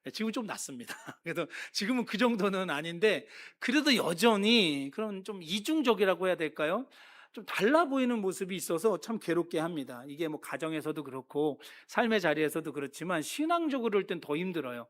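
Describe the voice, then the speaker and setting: A man's voice: high-pitched, very animated, brisk, fairly bright tone. A man in his fifties, a pastor giving a sermon, telling personal stories in a conversational, self-deprecating way.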